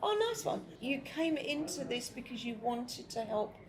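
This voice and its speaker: A woman's voice: fairly high pitch, animated, moderate pace. A woman hosting a casual interview, chatty and easily distracted, laughing often. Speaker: host. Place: busy restaurant. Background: restaurant crowd chatter.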